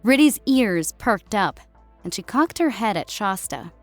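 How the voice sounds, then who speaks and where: Here an audiobook narrator performs scripted fiction, dialogue included, in a mid-range voice that's very animated yet a little slow. There's no room sound; just a close, dry recording and faint background music.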